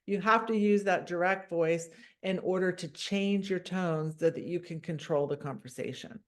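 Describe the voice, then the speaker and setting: A woman presenting an instructional webinar. She explains in an upbeat way and sometimes drops into a soft, low tone to make a point. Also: moderate pace.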